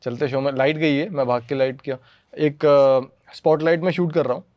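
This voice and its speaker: Animated man telling stories on a talk show. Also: fairly high pitch, brisk, no echo, dull audio. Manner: animated storyteller, mixes in English. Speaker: actor and filmmaker. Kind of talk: casual conversation.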